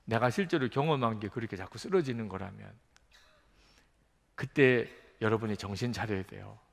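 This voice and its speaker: An older man, a pastor, preaching a sermon with lively delivery and acted-out quotes, recorded in an echoey church hall. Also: lowish voice, normal speed, creaky. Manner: animated preaching that acts out voices in the story.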